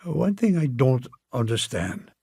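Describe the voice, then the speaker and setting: A polite, formal gentleman from northern Portugal speaks with careful courtesy, as a man reads him in an audiobook. His voice is husky and recorded close and dry. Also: medium pitch, sing-song, measured pace, no echo, exaggerated voice. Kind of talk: audiobook dialogue reading.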